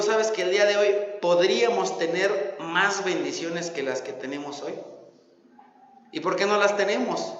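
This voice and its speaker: A man with a Mexican accent preaching a sermon as pastor, emphatic, repeating key phrases and asking rhetorical questions. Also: high voice. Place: church hall. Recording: echoey church hall, dull lo-fi sound.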